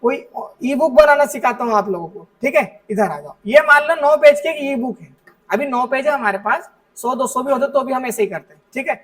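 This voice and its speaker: A man's voice: extremely high pitch, lively intonation, brisk, a bit bright, distant mic, rough recording. A man teaching a computer class step by step to students in a classroom, often checking that they follow along. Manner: explains step by step, often checks understanding with "ठीक है". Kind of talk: classroom software lesson.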